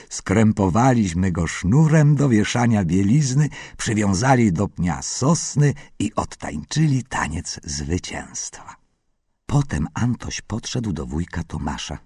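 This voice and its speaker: A man reading a children's story aloud in a lively, playful way. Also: fairly low pitch, slightly rough, no echo, studio quality. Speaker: narrator.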